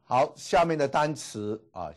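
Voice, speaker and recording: A male teacher lecturing a class at an unhurried pace, his voice sitting at an ordinary middle pitch. He stretches out each word and says it twice, sounding out syllables for his students. His pauses are filled with long drawn-out particles. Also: lively intonation. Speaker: Greek language teacher.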